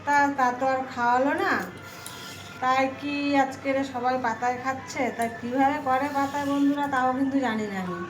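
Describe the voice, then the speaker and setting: High-voiced woman, echoey noisy room. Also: steady tone, moderate pace, over music. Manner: chatty, homely, asking viewers small questions. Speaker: home cooking vlogger. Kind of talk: casual cooking vlog chat. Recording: echoey room, clear background noise, kitchen clatter.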